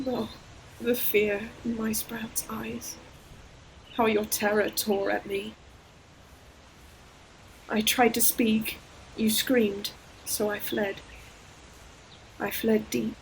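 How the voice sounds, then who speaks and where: A woman voices an ancient forest demon in a scripted audio roleplay monologue, speaking slowly and solemnly in a measured, narrow mid-range. A tender, sorrowful protector, she picks each poetic phrase carefully as slow, dramatic storytelling. Faint ambient environmental effects and slight background noise sit behind her.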